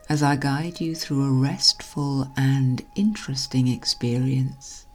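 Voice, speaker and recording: Low, breathy woman guiding slow hypnotic relaxation. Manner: soothing, hushed, breathy delivery trailing into whispers. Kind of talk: guided hypnosis relaxation narration. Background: music.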